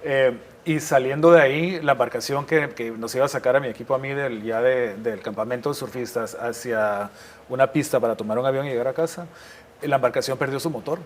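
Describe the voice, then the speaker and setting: A middle-aged man from Guatemala speaks as a guest in an interview, recounting his years as a war correspondent at an average pitch. He tells his stories reflectively and often restarts his sentences. A faint hiss of noise sits under his voice. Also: fairly quick. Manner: reflective storytelling with frequent restarts. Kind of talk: interview conversation.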